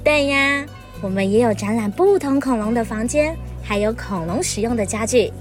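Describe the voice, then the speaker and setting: Woman playing a high-voiced, chatty big sister. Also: moderate pace, soft background music, close to an everyday voice. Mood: cheerful. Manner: chatty, expressive, sentence-final particles. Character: friendly, busy big sister running a museum exhibition. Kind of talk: children's audio story character acting.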